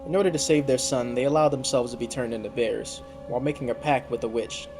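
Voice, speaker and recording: A young man with a mid-range voice talks fast in fairly even intonation, casually recapping a story as a video commentator. He's slangy and prone to incredulous asides, with loud background music running under his voice.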